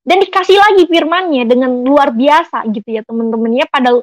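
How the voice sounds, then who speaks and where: A woman's voice: sits high, fairly quick, dry recording, rough recording. A woman giving an emotional personal faith testimony, telling her story earnestly and often addressing her listeners as friends. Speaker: testimony speaker.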